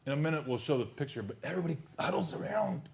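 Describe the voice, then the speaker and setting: A man preaching with a fairly high, bright-pitched voice. His delivery is very animated, swinging from shouted peaks to near-whispers. He often repeats a word several times as he drives a point home. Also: racing, gravelly. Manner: dramatic swings from loud outbursts to hushed near-whispers; repeats words as he builds a point. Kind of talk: sermon. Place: church service.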